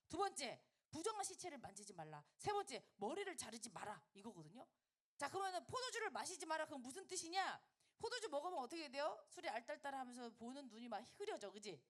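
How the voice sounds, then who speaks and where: A woman's voice: high-pitched, a bit bright. A woman preaching a sermon to a college group in a conversational style, asking her listeners many rhetorical questions.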